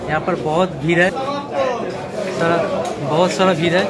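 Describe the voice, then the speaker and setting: Filming on a phone held out at arm's length, a friendly vlogger in his twenties strolls through a bustling outdoor market and talks straight to his viewers in casual narration. A loud crowd surrounds his somewhat high voice, which has fairly even intonation and a moderate pace.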